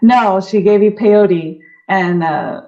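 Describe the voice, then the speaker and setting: A woman's voice: medium pitch, slow pace, dark tone. A woman playing a tabletop role-playing game, thinking aloud about plans. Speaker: player. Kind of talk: casual tabletop play. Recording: dull lo-fi sound.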